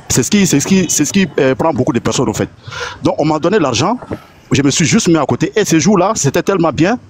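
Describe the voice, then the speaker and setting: A man on a live audio chat, excitedly recounting a bank incident as a testimony, acting out the other people with a rising voice and many restarts. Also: medium pitch, a little hiss or hum. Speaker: caller giving a testimony.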